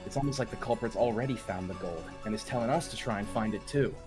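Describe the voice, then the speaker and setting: A man's voice: lowish voice, fast, over music, close to an everyday voice. A man playing an earnest young person anxiously puzzling over clues in an amateur visual novel read. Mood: reasoning.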